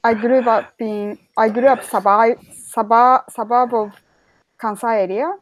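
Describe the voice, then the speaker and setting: A woman's voice: on the high side, fairly even intonation, unhurried, no echo, poor audio. A woman with a Japanese accent, a podcast guest talking carefully and searching for words over a video call. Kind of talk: casual podcast chat.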